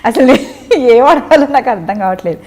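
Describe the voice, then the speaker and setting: A woman's voice: fairly high pitch, expressive, normal speed, darkish tone. A woman hosting an interview, coaxing and teasing her guest with frequent laughs. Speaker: interview host. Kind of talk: casual interview chat.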